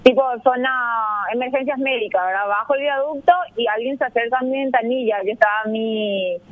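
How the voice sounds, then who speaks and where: Woman, high voice, agitated phone-in guest, tinny phone line. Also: no room sound. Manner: agitated, fast retelling with restarts. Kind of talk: phone interview retelling an incident.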